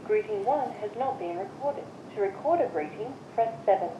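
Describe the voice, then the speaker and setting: A woman's recorded voice reading voicemail system menu prompts in measured, evenly spaced instructions, heard through a phone speaker. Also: medium pitch, animated, mellow. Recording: muffled, echoey phone speaker with hiss.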